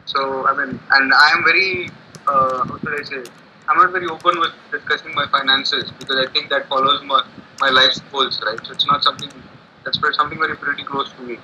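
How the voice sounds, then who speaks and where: A man's voice: mid-range voice, fairly even intonation, a little fast, sharp tone. A man giving a client testimonial, heard through a laptop speaker on a call, hesitant and thinking aloud with many restarts. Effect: voice coming through a laptop speaker on a call. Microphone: laptop on a remote call. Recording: muffled lo-fi call audio with background noise.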